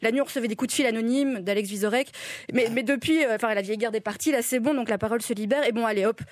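A woman giving a comic radio column in a studio, halting and full of fillers. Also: on the high side, dry recording. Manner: hesitant, stammering, with many fillers. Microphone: studio microphone.

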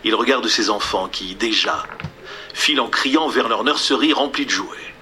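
A man narrating a storybook in a soft, hushed delivery that often drops to a near whisper. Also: mid-range voice, normal speed, a little hiss or hum. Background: music.

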